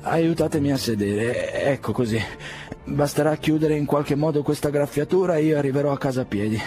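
A man's voice: a little high, mellow, faint music behind, pitched above the performer's own voice, lightly acted. A man doing a proud, wounded old aristocrat. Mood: stiffly formal. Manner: formal, halting, pausing speech. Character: proud aging aristocratic gentleman, wounded and stiff.

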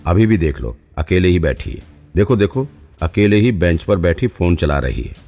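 Gossipy young trainee guy, chatty and teasing, low deep voice, read by a man. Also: lively intonation, moderate pace, dark tone. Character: gossipy young male police trainee friend.

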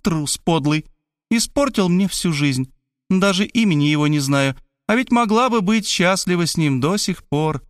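Man doing a bossy sharp-tongued woman, high-pitched, impatient, scolding, dry close recording. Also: lively intonation, normal speed, dry recording. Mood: mocking, reproachful. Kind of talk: audiobook character voice.

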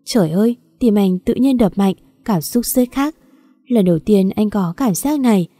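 Mellow-voiced woman reading a story. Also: medium pitch, animated, moderate pace. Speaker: audiobook narrator. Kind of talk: scripted story narration.

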